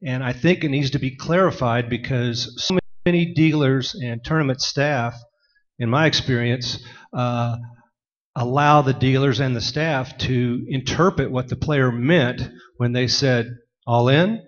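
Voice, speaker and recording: A man in the audience speaks up with a question, rambling along in a mid-range voice and filling pauses with "uh." The sound is dull and lo-fi, like a conference room recording. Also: medium pitch, in a large hall. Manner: chatty, rambling, with frequent "uh" fillers. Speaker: audience member, poker magazine writer.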